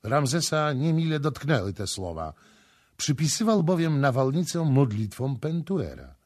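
A man narrates a classic novel in a husky voice at a middle pitch. His reading is expressive and dramatic, rising and falling with the storm and battle scenes. The delivery is that of a practiced audiobook reader. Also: normal speed.

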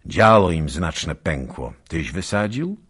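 A man's voice: low-pitched, very animated, slow, slightly rough, heavily acted. A man voicing a small, brave knight who speaks curtly and briefly. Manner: curt, then shouting alarm.

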